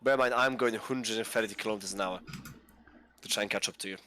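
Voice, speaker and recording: A man's voice: fairly low pitch, fairly even intonation, fast talker, sharp tone, slight background noise. A man from Poland co-playing a truck driving game, giving dry, mock-serious commentary in casual chat. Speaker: co-player and guest.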